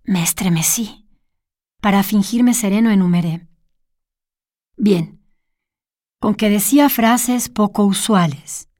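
A woman reading a story aloud as narration in a measured way, going hushed at tense moments. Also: mid-range voice, no echo, clean studio sound. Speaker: reader. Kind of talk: scripted narration.

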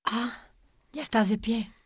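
A woman's voice: fairly high pitch, fairly even intonation, takes it slowly, slightly rough, dry recording, clean studio sound. A woman playing the devoted, resolute wife of a blind doctor in an audio drama. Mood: tender, concerned.

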